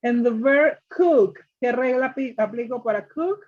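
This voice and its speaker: A woman's voice: a little high, measured pace, dull audio. A woman teacher explaining grammar rules step by step to a class, repeating each rule and asking students questions. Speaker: English teacher.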